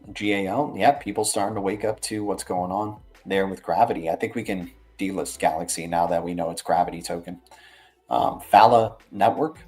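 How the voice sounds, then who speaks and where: Male streamer, deeper side, informal rambling commentary with slangy check-in tags, light music bed. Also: darkish tone. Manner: rambling, slangy, often ends phrases with "right" and "man". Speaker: livestream host. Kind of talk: casual livestream market commentary.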